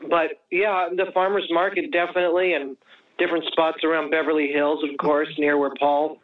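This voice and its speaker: A male guest with a fairly high voice, heard over a tinny, phone-like line. He sounds set back from the mic. He talks with enthusiasm, yet pauses often on ums and restarts. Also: little pitch movement, far from the mic. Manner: enthusiastic but hesitant, many ums. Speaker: author guest. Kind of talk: casual interview chat. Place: home in Los Angeles.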